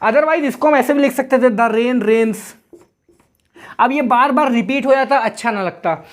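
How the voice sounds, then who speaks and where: A woman with a somewhat high voice teaches an online grammar lesson. She explains patiently, goes over each point more than once, and reads her example sentences slowly and deliberately.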